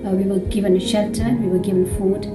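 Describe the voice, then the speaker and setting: An older woman from Uganda, a former refugee, telling her story calmly and gratefully in a short film. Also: mid-range voice, brisk. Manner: calm, grateful and plain-spoken. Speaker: former refugee giving testimony. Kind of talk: personal testimony in a short film. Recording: roomy echo with loud guitar music.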